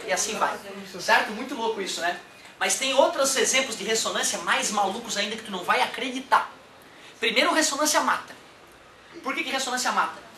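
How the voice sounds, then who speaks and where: Chatty teacher, roomy and distant. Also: male voice, extremely high pitch, a little hiss or hum. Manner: animated, chatty, keeps checking in with listeners. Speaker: music teacher. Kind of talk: casual explanatory lesson. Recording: roomy echo from a distant mic.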